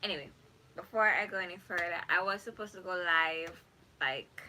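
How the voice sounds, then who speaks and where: A young YouTuber from Jamaica chats and rambles in a relaxed way during her first live stream from home, self-correcting as she talks. Her voice is on the low side and moves at a moderate pace. She's captured on a phone, so the audio is poor, with a little hiss or hum and faint ambience in the background.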